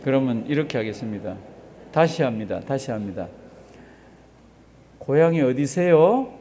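A male pastor preaches a sermon conversationally, posing rhetorical questions that the congregation answers and repeating phrases for emphasis. His mid-range voice is expressive and mellow at a moderate pace, with a little hiss or hum in the recording.

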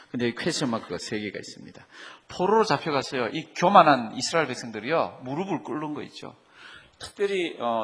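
The voice belongs to a pastor preaching a Bible-teaching sermon who often questions the congregation. It's mid-range and a bit bright, with a little hiss or hum in the recording and a long hall reverb.

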